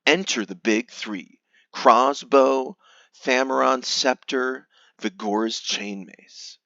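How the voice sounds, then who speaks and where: A man's voice: medium pitch, dry recording, highs cut off. Hammy man giving a dramatic reading. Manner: hammy stage-actor delivery, mock-grave with emphatic swells and hushed drops. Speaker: reader of a gamer's forum post.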